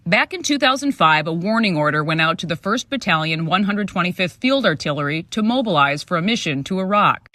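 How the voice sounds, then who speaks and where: A man narrating a news report in a scripted, crisp reporting style. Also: high-pitched, lively intonation, fairly quick, few pauses, sharp tone, no room sound.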